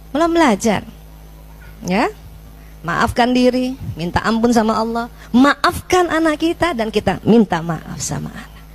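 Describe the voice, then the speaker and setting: Seorang perempuan paruh baya memberi ceramah parenting Islami kepada para ibu, bercerita dan memerankan percakapan dengan anaknya secara hidup. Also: female voice, on the high side. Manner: animated, acts out scenes with her child, addresses audience as Bu. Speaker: parenting speaker. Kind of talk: lively Islamic parenting talk to mothers.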